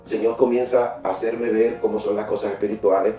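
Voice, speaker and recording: A middle-aged man telling a faith testimony in a church interview, animated and often laughing, repeating words when he gets excited. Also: on the low side, brisk, reverberant, recorded from a distance, soft background music. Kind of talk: emotional personal testimony.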